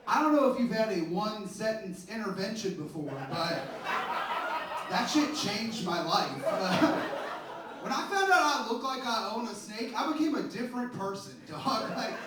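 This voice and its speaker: A man's voice: sits high, expressive, unhurried, crowd noise. A man headlining a stand-up set, laid-back and crude, saying "dude" and "hell yeah" a lot. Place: comedy club stage. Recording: echoey club, distant mic, loud noise. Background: audience laughter.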